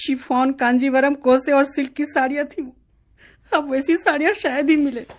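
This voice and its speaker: Aggrieved radio-play wife, high and complaining, played by a woman. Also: fairly even intonation, normal speed, close to an everyday voice. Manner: complaining, sulky. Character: grieving, complaining young wife. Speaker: radio drama actor.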